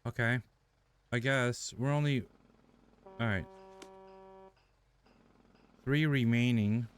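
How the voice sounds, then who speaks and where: A man's voice: mid-range voice, slow pace, slight background noise. A man commenting casually on a game as he plays, with wry, sarcastic asides. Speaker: gamer playing and commenting.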